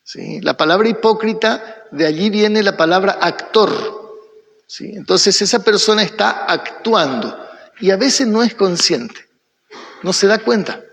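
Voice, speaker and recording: High gravelly Argentine man teaching. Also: expressive, a little slow, a bit bright. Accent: Argentine Spanish. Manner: keeps checking in with the audience by asking "¿sí?"; poses questions and then answers them himself. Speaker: Bible study teacher. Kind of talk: church Bible study teaching. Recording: long echoing hall reverb.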